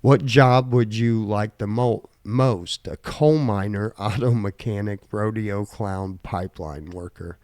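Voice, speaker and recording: Man, slight southern twang, laid-back, swears casually, casual podcast chat, lowish voice, dry close sound. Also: slow, hardly any pauses, darkish tone, dry recording. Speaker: podcast co-host. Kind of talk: casual podcast chat, reading quiz questions aloud.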